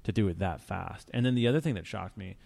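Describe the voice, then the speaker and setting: Gravelly low-voiced man chatting casually. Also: fast. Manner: relaxed, rambling storyteller with many restarts. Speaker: podcast host. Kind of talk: casual car chat.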